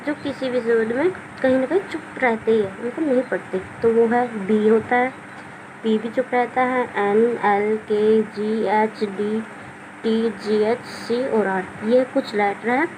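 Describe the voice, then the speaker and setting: A woman's voice: fairly high pitch, background noise. A woman explaining English spelling rules in a patient, repetitive teaching manner, asking questions and answering them herself. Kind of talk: classroom-style explanation.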